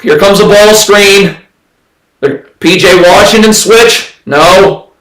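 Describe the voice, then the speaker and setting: A high-sitting male voice at a slow pace reacts live to basketball on a stream. This commentator is exasperated and blunt, ranting, often shouting and repeating himself. The recording has roomy echo, with him distant from the mic.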